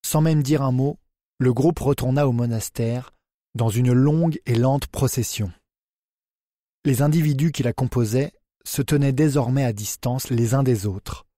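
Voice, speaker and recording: A man narrating a thriller audiobook in an even, measured reading. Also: medium pitch, dry recording, clean studio sound. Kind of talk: scripted narration.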